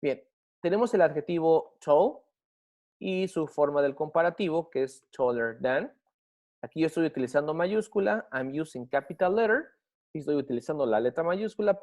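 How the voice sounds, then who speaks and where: A man teaching an English grammar lesson in a patient explaining manner. He often checks whether his students follow him, and he slows down to spell and model English words. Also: a little high, lively intonation, darkish tone. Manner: patient, checks understanding with frequent questions. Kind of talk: explaining grammar in a recorded class.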